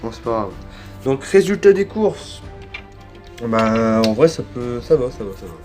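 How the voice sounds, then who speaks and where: A man's voice: mid-range voice, very animated, unhurried, darkish tone, soft background music. A man chatting casually through a toy unboxing, hesitant and full of fillers, often correcting himself, filmed on a handheld phone. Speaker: toy collector vlogger. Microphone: handheld phone without tripod.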